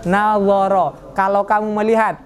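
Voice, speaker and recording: A man's voice: high voice, level tone, normal speed, background noise. A man teaching an Arabic class in a mosque, joking with his students and quizzing them as he goes. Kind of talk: classroom lesson.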